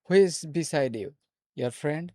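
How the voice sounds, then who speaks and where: A man's voice: a little high, unhurried, dark tone, no room sound. A man with a Bangladeshi accent hosts a casual, joking video chat with a stranger. His tone is teasing, and he often repeats himself. The sound is dry and close, with no room in it. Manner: teasing, playful, with repeated phrases and laughs. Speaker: host.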